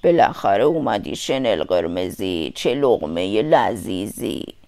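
A woman voicing a wicked, hungry male wolf in a storybook reading, speaking in a low, gruff, scheming growl. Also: very animated, dry recording, exaggerated voice. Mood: greedy.

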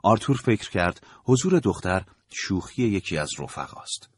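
Deep husky guy reading a story out, measured and dramatic, varied intonation. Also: lively intonation, no echo. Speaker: narrator. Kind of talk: scripted audiobook narration.

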